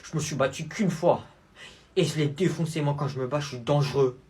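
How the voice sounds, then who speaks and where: A man's voice: fairly high pitch, a little fast, a little mellow, husky. A man acting out several roles in short comedy sketches, from boastful schoolkids to a scolding father. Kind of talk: comedy sketch role-play.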